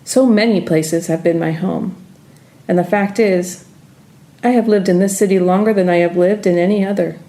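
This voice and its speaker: A woman reading her own personal essay in a calm, reflective manner. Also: on the low side, normal speed. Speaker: writer reading her story.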